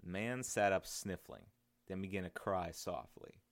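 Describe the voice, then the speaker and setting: Low-voiced man reading his own book. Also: measured pace, creaky. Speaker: author reading own audiobook. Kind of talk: audiobook narration.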